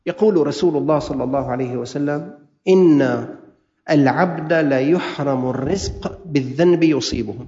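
Levantine male preacher, high-pitched, exhorting, long hall reverb on a dull lo-fi recording. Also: a little mellow. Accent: Levantine Arabic. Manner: exhorting, mixing classical recitation with colloquial asides. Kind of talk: sermon.

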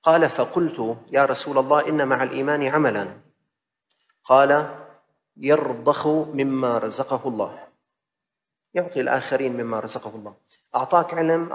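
Male preacher, rhythmic repeating sermon delivery, long hall reverb. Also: mid-range voice. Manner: mixes classical Arabic with colloquial asides, rhythmic repetition. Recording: dull sound in a reverberant hall.

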